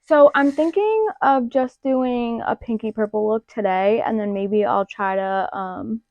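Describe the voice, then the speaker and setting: A woman vlogging about makeup in a chatty, expressive, rambling way, with a slight lisp. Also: on the high side, a little slow, no echo. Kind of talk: casual chat. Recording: dull lo-fi dry sound.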